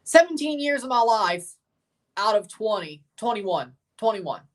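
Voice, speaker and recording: A Southern-accented man from Mississippi hosts a livestream, reacting to a match and answering viewer comments in a laid-back, rambling way. His high-pitched voice has big pitch swings and a measured pace, picked up by a distant mic with poor audio.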